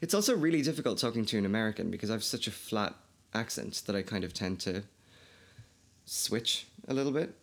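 Brisk and expressive, this man's voice sits on the low side as he hosts a casual podcast chat with his Kildare accent from Ireland. Laughter comes often, and so does free swearing.

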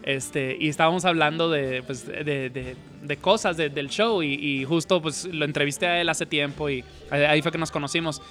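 A man's voice: fairly high pitch, fairly even intonation, normal speed, few pauses, a bit bright, soft background music. A man hosting an interview, chatty, slipping English phrases into his Spanish. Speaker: podcast host. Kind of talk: casual interview chat.

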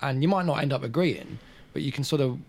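A man's voice: medium pitch, fast talker, creaky, a little mellow. An Australian man co-hosting a philosophy podcast, talking things through thoughtfully with hedging fillers. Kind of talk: conversational philosophy discussion.

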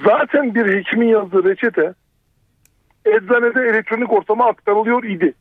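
A man's voice: high voice, moderate pace, no room sound. A man calling a phone-in show by telephone, arguing his point. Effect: over a telephone. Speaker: phone-in caller, doctor. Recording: tinny, narrow phone line.

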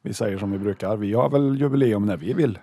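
Podcast co-host, man with a husky, slightly breathy voice and a deadpan wit, dry close sound. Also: on the low side, no room sound. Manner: dry, joking, does playful impressions. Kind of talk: casual chat.

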